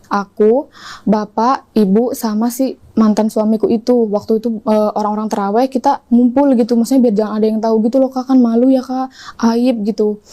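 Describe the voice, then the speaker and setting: A young woman tells her story in a rush. Her voice sits slightly high but warm and mellow, and she moves quickly from one quoted exchange to the next. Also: fairly even intonation. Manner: rapid, breathless retelling full of quoted dialogue. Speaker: interview guest. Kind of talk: confessional storytelling.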